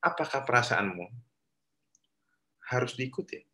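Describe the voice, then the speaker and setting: A man's voice: mid-range voice, animated, a little slow, sharp tone. Chatty Indonesian man preaching to youth. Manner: chatty, asks the audience questions, mixes in English phrases. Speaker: youth pastor. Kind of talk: casual youth sermon. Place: church room. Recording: echoey room.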